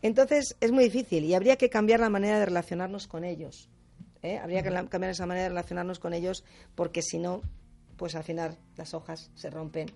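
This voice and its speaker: Gravelly-voiced woman explaining on radio. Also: on the low side, fairly quick. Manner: lively, explanatory, acts out quotes, frequent tag questions. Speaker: guest speaker on difficult personalities. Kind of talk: radio talk chat.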